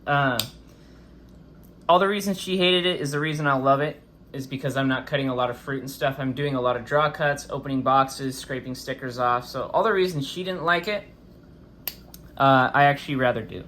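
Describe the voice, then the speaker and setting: A man's voice: mid-range voice, a little fast, a bit bright, slight background noise. A man hosting a casual, chatty product review, his speech slightly impeded by a swollen face after having wisdom teeth out. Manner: informal, chatty. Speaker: host of a knife review channel.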